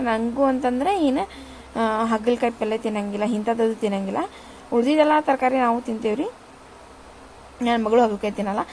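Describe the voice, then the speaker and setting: Lady rambling thru a cooking vlog, kinda high voice, faint hum behind. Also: darkish tone, rough recording. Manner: chatty, rambling, addresses viewers with "ri". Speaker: vlogger. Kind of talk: casual cooking narration. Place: home kitchen.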